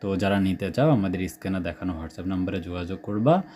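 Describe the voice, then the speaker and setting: Brief: young male Bangladeshi Bengali tutor, low mellow tone, faint hum behind. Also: fast talker. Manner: reels off numbered question lists, checks in with students often. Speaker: exam-prep teacher. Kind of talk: screen-share exam suggestion walkthrough.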